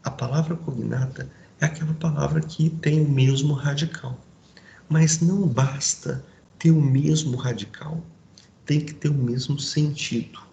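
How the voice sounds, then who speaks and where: A man teaching a grammar lesson, explaining step by step and checking in with his students through quick asides. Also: fairly high pitch, fairly even intonation, creaky, dark tone, lo-fi sound. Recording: roomy echo, faint background noise.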